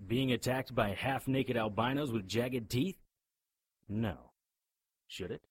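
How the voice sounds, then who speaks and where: A man's voice: mid-range voice, slow pace, slightly rough, dry recording. A man playing a blunt, sardonic, urgent leader of frightened survivors in an audio drama. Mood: wry, blunt.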